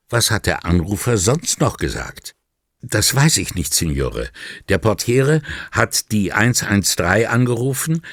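A man narrating a crime novel audiobook in a measured reading style, lightly voicing the dialogue. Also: deep voice, no echo, clean studio sound. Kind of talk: scripted narration.

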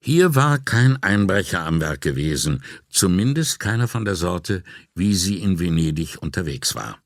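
A man with a deep, low voice reads an audiobook crime story in a measured, calm way. The recording is dry and close, made in a studio booth. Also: no room sound. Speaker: audiobook narrator. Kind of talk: scripted narration.

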